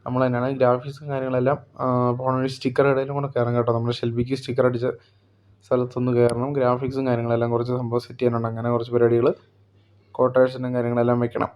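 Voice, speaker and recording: This Kerala vlogger rambles through a bus-business roleplay in rapid monotone, packing his casual first-person narration with fillers such as "okay" and "and things." His mid-range voice comes through with the highs cut off.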